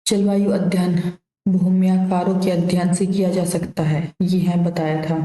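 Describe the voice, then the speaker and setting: A woman teacher walks through revision questions in a low, flat voice. Her tone is mellow and unhurried, and she explains casually with memory tricks. The room gives her voice a noticeable echo. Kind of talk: exam revision lesson.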